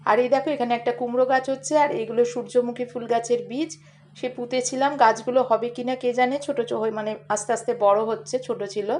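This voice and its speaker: Hoarse middle-aged woman with a cough chatting to her viewers on a phone, daily vlog, voice a bit high. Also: fairly even intonation, quick pace, a little mellow, slight background noise. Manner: chatty, talks straight to viewers. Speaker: vlogger. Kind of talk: casual daily vlog narration.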